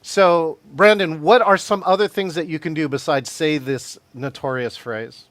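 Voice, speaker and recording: A man with a fairly high voice leads a live webinar training session online, speaking energetically at normal speed, chuckling often and calling on participants by name. His sound comes through a video call, close and dry with no room sound.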